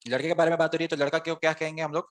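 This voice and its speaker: A man's voice: a little high, level tone. Man teaching grammar in a question-and-answer style. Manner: explains step by step, asks students questions and answers them himself. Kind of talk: online class lecture.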